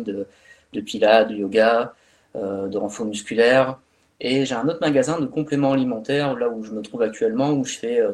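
A man from northern France, a fitness coach, presenting himself in relaxed, chatty webinar talk with many fillers. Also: fairly low pitch.

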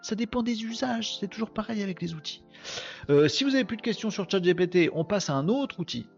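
A man's voice: high voice, lively intonation, a little fast, vocal fry, husky, dull audio, soft background music. A man with a ch'ti accent hosting a live podcast, chatting casually and joking with his viewers. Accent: Picard (ch'ti) traces. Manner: chatty, self-mocking, talks to chat viewers. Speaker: podcast host. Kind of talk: casual live-stream chat.

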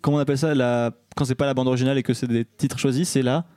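A man's voice: medium pitch, steady tone, rapid-fire, dark tone, smooth, dry recording, clean studio sound. A young man hosting a casual film chat before a live audience, playful and hesitant, fond of wordplay. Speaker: podcast host.

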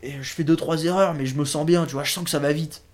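In a laid-back interview, a nineteen-year-old guest from France, a junior BMX racer, tells his story in a rambling way with many fillers and restarts. He's a fast talker with a slightly high, darkish voice and fairly even intonation.

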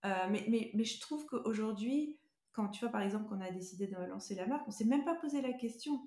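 A woman's voice: a little high, fairly quick, warm tone, roomy sound. A middle-aged woman being interviewed casually, choosing her words hesitantly and often restarting her sentences. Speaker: interview guest, beauty brand co-founder.

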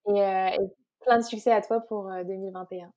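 A woman's voice: mid-range voice, steady tone, fast talker, darkish tone. A woman hosting a podcast interview, asking friendly questions with short, upbeat interjections. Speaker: podcast host. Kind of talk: casual interview.

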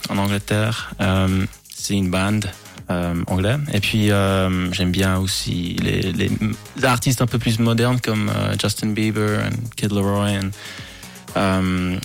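A calm man giving a casual interview in halting French, slipping in words. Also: fairly low pitch, vocal fry. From Switzerland or Britain. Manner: hesitant, halting French with English words mixed in. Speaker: pop singer, interview guest.

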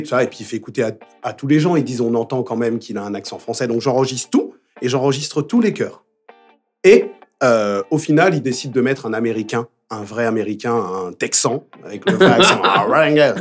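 A man's voice: medium pitch, a little mellow, slightly rough. A man in his forties from Paris, a theme-song singer chatting as a guest and telling stories with frequent laughter. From France, Paris. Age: 40s. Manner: chatty storyteller who laughs often. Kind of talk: casual chat.

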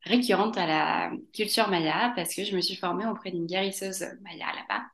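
A woman's voice: medium pitch, normal speed, fairly bright tone, reverberant. A woman from Mexico, a podcast guest talking casually, hesitating with many fillers and laughing often. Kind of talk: casual interview.

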